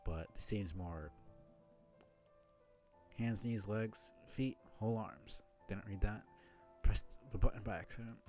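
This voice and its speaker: Low-voiced man rambling over a game. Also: slow, long pauses, darkish tone, faint music behind. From New York City. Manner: rambling, thinking aloud, many fillers. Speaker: streamer. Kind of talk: let's-play commentary.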